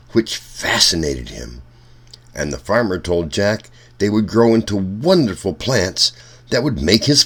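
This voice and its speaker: Reading a children's storybook expressively, a male storytime narrator speaks to young listeners in a low-pitched, husky voice.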